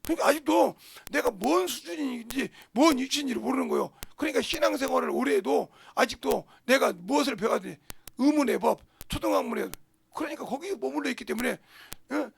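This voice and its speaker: An older man preaches a sermon in a high, husky voice with a heavy gravelly grain. He is forceful and blunt, and lurches from loud outbursts to low murmurs. The sound is close and dry. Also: a little fast, no room sound. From South Korea. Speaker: pastor. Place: church sanctuary.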